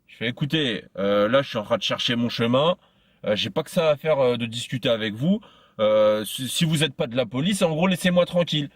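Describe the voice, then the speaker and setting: A man's voice: mid-range voice, expressive, fairly quick, dry recording, studio quality. A man telling a personal story in casual chat, stumbling and repeating himself often. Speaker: podcast host.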